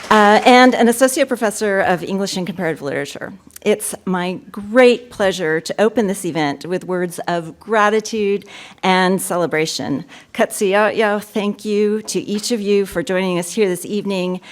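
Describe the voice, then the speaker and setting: A woman opening a university poetry reading, giving warm welcoming remarks and announcements into a podium mic. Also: mid-range voice, moderate pace, some chatter behind. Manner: warm, gracious and upbeat, with filler ums. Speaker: event host introducing a poetry reading. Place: university lecture room.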